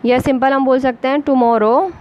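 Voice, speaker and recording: A woman with an Urdu accent teaches basic English at a slow, careful pace, spelling words letter by letter. Her voice sits slightly high. The lo-fi recording is dull, with faint passing traffic behind her. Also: fairly even intonation. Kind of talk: basic English lesson for beginners.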